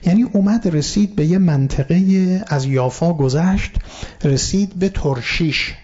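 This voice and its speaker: A man gives a sermon in a dark, mellow voice, explaining patiently and turning to his listeners with polite address. Now and then he recites Arabic verses. The recording is dull and lo-fi. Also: sits high, husky. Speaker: preacher. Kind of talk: sermon on Quranic story. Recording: muffled lo-fi recording.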